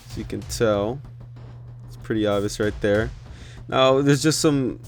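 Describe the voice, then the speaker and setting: A man doing casual, informal gaming commentary, rambling as he thinks out loud. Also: mid-range voice. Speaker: gaming video creator. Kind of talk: casual screen-recorded commentary. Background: background music.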